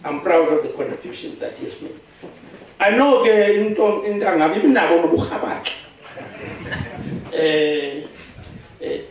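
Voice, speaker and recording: Middle-aged man, South African accent, Xhosa speaker, eulogy, chuckling storyteller, fairly high voice, very echoey hall. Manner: conversational storytelling, chuckles often, mixes Xhosa phrases into English. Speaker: eulogist, former business partner. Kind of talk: funeral eulogy, anecdotal. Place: large hall at a funeral service. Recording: very echoey live stream from far off, faint noise.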